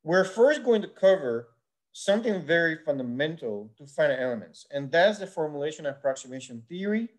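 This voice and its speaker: The speaker is a university engineering instructor from Puerto Rico, a man whose first language is Spanish, delivering a recorded course lecture. His somewhat high voice has a sing-song quality, and his measured explanations include frequent "uh" fillers.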